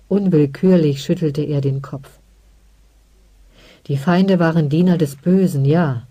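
Brief: calm audiobook narrator, slow and measured, mellow tone, dry close recording. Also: medium pitch, no room sound. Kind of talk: scripted narration.

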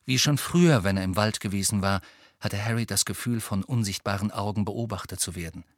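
A man reading a novel aloud as audiobook narrator, even and measured. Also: lowish voice, no echo, studio quality. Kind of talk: scripted narration.

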